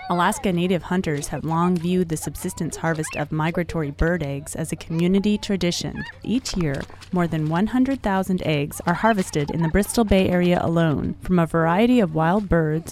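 A woman radio reporter narrating a news feature in a measured, even delivery. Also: fairly low pitch.

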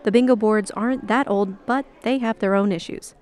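A woman reporter reading a scripted radio news feature in a narrator's measured storytelling style. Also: medium pitch, darkish tone, clear, resonant tone.

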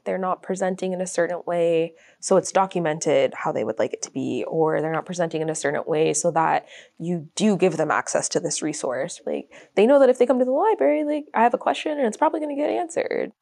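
Gravelly, thoughtful woman coordinator. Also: fairly low pitch, a little mellow. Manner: thoughtful, reflective, uses filler "like". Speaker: community resource coordinator. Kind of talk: interview answers.

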